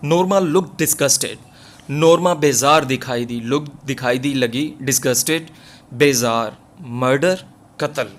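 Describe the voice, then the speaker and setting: A man teaching English, reading each phrase slowly and giving several translations for it, one after another. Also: mid-range voice. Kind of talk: line-by-line reading and translation lesson.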